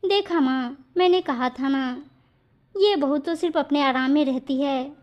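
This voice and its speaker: A woman voicing a talkative, sharp-tongued sister-in-law in a storybook tale, with a mocking, taunting manner. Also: high-pitched, unhurried, dull audio.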